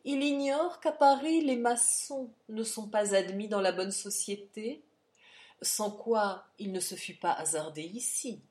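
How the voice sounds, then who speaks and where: A woman's voice: fairly low pitch, a little slow, hardly any pauses, a little mellow, lightly acted. A woman reading aloud, voicing an arrogant, insolent male count with a biting, haughty manner. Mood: insolent taunting.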